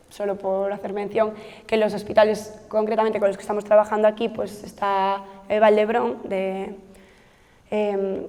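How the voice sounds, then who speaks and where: This researcher's voice sits in the middle range and sounds slightly mellow as she walks trainees through a technical project. Her speech is full of fillers and self-corrections, and a long hall reverb surrounds it.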